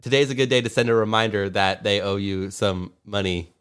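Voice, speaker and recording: A man with a fairly low voice hosts a casual comedy podcast. He rambles conversationally and jokes in a mock-serious way. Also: fairly quick, a bit bright, clean tone. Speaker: podcast host.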